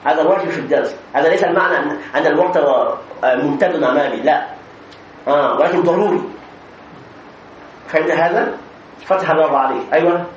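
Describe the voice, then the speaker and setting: A high-pitched man teaching a grammar class, explaining patiently step by step and pausing to ask if the students follow. His voice rings in an echoey room with faint background hum. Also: lo-fi sound.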